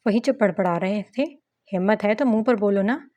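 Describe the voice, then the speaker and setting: A woman voicing a sharp-tongued, haughty young bride with a sarcastic manner. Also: mid-range voice, fairly even intonation, normal speed, natural voice.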